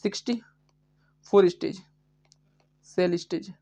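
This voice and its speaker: A man's voice: high-pitched, takes it slowly, gravelly, dark tone. Guy teaching biology online, keeps asking stuff and answering it himself, repeats the words over and over. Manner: repeats questions and answers them himself, drilling terms; chatty, addresses students as bhai. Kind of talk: live online lecture.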